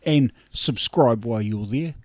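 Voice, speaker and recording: A man's voice: medium pitch, measured pace, no echo. A middle-aged man with a broad Kiwi accent chatting casually and in a laid-back, blokey way as a podcast co-host. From New Zealand. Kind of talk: casual chat.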